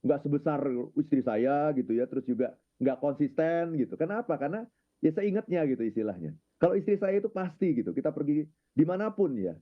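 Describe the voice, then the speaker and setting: A man calmly telling a personal story, ending phrases with filler tags, in an unhurried, reflective way. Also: on the high side. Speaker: guest speaker on his own channel. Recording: narrow phone-like sound.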